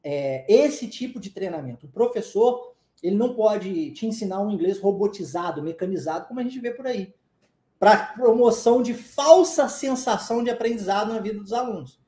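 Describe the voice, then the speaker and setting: In this online English lesson, a Brazilian Portuguese-accented man speaks at a moderate pace in a high, expressive, warm voice. He explains emphatically and frequently checks that the listener is following, with roomy acoustics.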